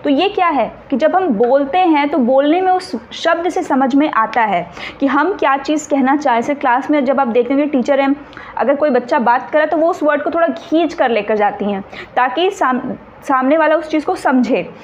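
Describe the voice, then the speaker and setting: High-voiced woman teaching a lesson. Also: normal speed, a little hiss or hum. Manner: explains patiently, often checks with "clear?". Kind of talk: exam-prep lecture. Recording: slightly dull recording, faint ambience.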